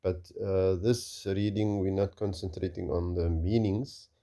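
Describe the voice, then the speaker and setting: A man teaching Arabic reading in a recorded lesson, slowly and patiently repeating each word several times. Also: low-pitched, fairly even intonation, dark tone.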